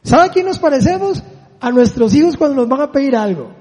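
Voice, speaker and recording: A man with a strikingly high voice delivers a sermon, pressing his listeners with rhetorical questions. His words ring out with the long reverb of a large hall. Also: big pitch swings, fairly quick, a little mellow. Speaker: preacher.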